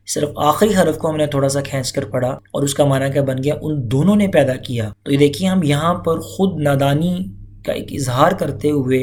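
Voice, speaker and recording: A man's voice: a little high, darkish tone. A man teaching a recitation lesson, explaining step by step and repeating key points. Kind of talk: lecture-style lesson.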